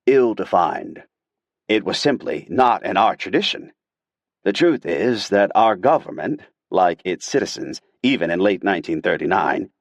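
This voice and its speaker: A man reading first-person testimony for an audiobook in a measured, deliberate manner, close to a studio mic. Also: lowish voice, no echo. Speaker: audiobook reader.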